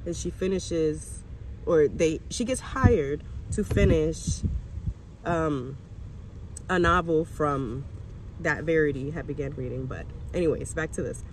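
Inside a parked car, a young adult woman with an American accent takes it slowly, her voice low-pitched as she chats casually to camera for her vlog. The phone in her hand sits at arm's length and catches some faint background noise.

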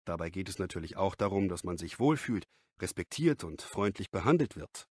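A man reading the part of an expert being interviewed in a scripted lesson dialogue, measured and explanatory. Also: low-pitched, expressive, slightly rough, no echo.

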